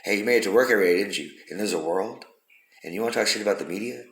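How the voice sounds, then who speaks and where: A man's voice: on the low side, very fast, fairly bright tone. A man giving a rambling, profane philosophical monologue, repeating himself for emphasis. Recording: roomy echo.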